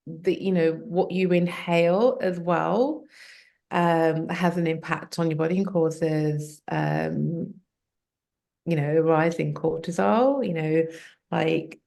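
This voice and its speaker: A woman, a health coach as guest, explaining at length in a relaxed conversational way with many fillers. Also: fairly low pitch, gravelly. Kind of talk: conversational interview.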